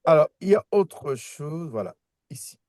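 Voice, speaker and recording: A man's voice: a little high, expressive, moderate pace, a little mellow, dry recording, clean studio sound. A man teaching a language lesson in a casual way, often restarting and repeating words while checking that his students follow. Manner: patient, checks understanding with "d'accord?". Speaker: Hebrew teacher.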